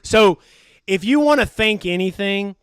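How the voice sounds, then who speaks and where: A man hosting a live race stream, giving excitable, profane, jokey commentary. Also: sits high, measured pace, smooth, dry recording, studio quality.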